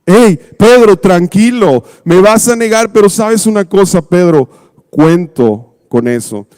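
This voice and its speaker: A man voicing a calm, tender Jesus. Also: sits high, no room sound, studio quality. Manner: soft, slow and reassuring.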